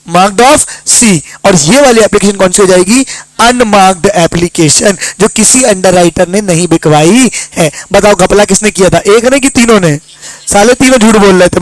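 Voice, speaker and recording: A woman teacher giving a lively lesson, telling stories and firing quick questions at her students. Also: fairly high pitch, no room sound, rough recording. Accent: Hindi. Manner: storytelling with rapid-fire questions to students. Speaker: commerce teacher.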